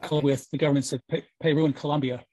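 A man on a remote video call speaking as a panelist, his audio breaking up and cutting words off mid-syllable. He talks in a measured, thoughtful way, with hesitant restarts. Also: on the high side, level tone, dark tone, no room sound. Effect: choppy video-call audio breaking up, words cut off mid-syllable. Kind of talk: panel discussion answer.

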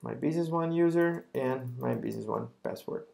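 A man in a mid-range voice narrates a screen-recorded software demo. He explains each step in a relaxed, informal way. Frequent small pauses and fillers break up his talk. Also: medium pitch, gravelly. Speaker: software solution architect.

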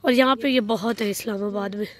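A woman from Pakistan chatting excitedly and laughing as she narrates a family vlog, filmed outdoors in a park on a handheld phone. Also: medium pitch, brisk. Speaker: family vlogger.

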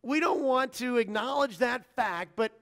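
High-voiced animated male pastor preaching. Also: measured pace, gravelly. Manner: animated, acts out quoted lines with shifting voice; conversational asides to the congregation. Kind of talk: sermon.

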